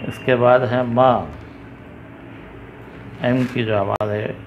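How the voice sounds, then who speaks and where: A man teaching the Urdu alphabet, sounding out each letter patiently and repeating it loudly. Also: medium pitch, steady tone, drawn-out words. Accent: Indian Urdu. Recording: dull lo-fi recording with faint background hiss.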